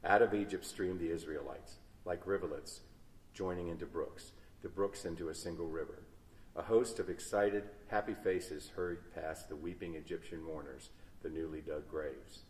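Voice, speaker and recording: A man dramatically reads a Bible story aloud in a large church, his loudness rising and falling. His voice is very deep. It rings with long reverb and sounds distant from the mic. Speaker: story reader. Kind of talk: expressive read-aloud storytelling.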